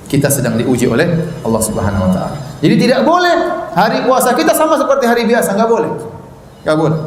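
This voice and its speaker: A man's voice: high voice, slight background noise. A man preaching a sermon with emphatic rhetorical questions and touches of light humor. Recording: roomy hall reverb, faint ambience.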